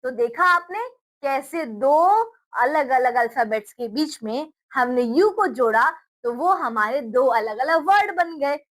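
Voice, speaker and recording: High-voiced woman teaching small children. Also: lively intonation, a bit bright. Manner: slow, spelling letters out one by one; encouraging, praises often. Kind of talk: children's phonics lesson.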